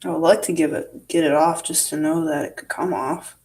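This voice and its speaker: A man hosting a live stream, talking low-key to himself as he works on a model. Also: steady tone, a little fast, a little mellow. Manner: low-key, muttering to himself while working. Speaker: livestream host. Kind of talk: live-stream commentary while working on a model. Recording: voice a bit distant from the mic.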